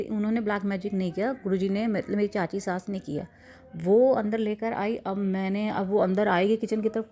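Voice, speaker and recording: A woman's voice: mid-range voice, warm tone. A woman, likely in her thirties, earnestly telling a rambling personal devotional testimony with frequent restarts.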